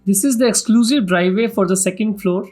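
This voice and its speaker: A man with an Indian accent hosts a vlog, giving a formal, scripted property tour in a salesman-like way. His voice sits high, with a darkish tone and a fairly quick pace, and music plays in the background.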